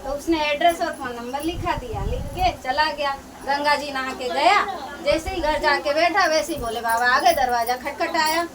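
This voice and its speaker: Brief: woman storyteller at a devotional gathering, high voice, mic far off, crowd around. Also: normal speed. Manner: homely, repetitive, frequent "he said". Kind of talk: telling a religious folk tale to a gathering.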